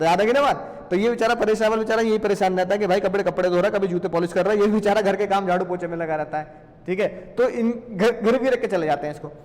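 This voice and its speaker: A man teaching a lively class in a playful way, often asking questions and answering them himself. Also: sits high, big-room sound. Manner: playful, asks and answers his own questions.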